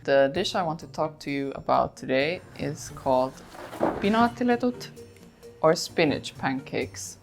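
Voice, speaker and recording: A woman from Finland calmly explaining a home dish as a guest, in a measured, friendly way. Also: sits low, over music.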